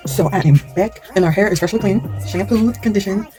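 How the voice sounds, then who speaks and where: A woman's voice: medium pitch, a little fast, over music. A woman chatting candidly while she does her own hair, rambling and losing her train of thought. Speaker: hair vlogger. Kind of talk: casual chat while styling hair.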